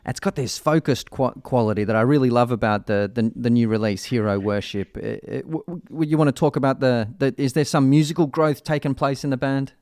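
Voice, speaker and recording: A man hosting a casual music interview, with halting, meandering phrasing and jokey, mock-grand wording. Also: mid-range voice, a little mellow, no room sound, clean studio sound. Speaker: radio show host.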